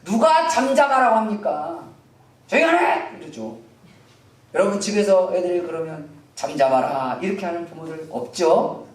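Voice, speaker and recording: A male pastor delivers a Sunday sermon with a lively, swinging pitch, chatting with his congregation and acting out the story's shouted lines. His voice carries through a roomy, echoing sanctuary, picked up from a mic some way off. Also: moderate pace. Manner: animated, acts out shouted quotes from the story; conversational, jokes with the congregation. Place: church sanctuary. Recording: roomy hall, voice from a distant mic.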